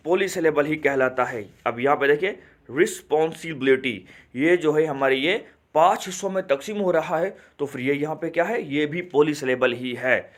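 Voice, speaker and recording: A man gives an online grammar lesson in a slightly raised voice. He stretches key words out syllable by syllable and keeps asking his students rhetorical questions. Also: fairly high pitch. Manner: repeats words slowly and asks rhetorical questions. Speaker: English teacher. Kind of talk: classroom lesson explaining grammar.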